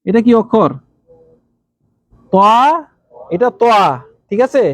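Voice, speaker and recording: A man teaching Arabic letters to a class, calling on students by name and repeating letter sounds slowly. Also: high voice, fairly even intonation, no echo.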